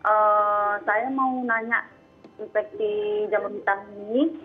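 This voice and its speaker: A woman phoning in, speaking in a halting, informal way. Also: mid-range voice, steady tone, faint music behind. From North Sumatra, Indonesia. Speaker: phone-in caller. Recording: tinny phone line.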